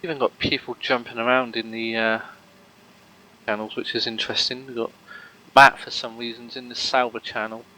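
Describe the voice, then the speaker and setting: A man's voice: mid-range voice, flat delivery, normal speed, sharp tone, low-quality recording. A man commentating a sim race live, rambling with lots of fillers and joking banter with his co-host.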